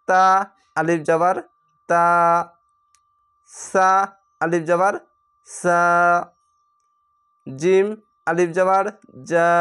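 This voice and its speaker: Slow, deliberate Bengali-speaking male teacher. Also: high voice, a bit bright, smooth. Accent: Bangladeshi Bengali. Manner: spells letters out slowly, repeating each sound. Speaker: Quran reading teacher. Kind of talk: slow step-by-step lesson.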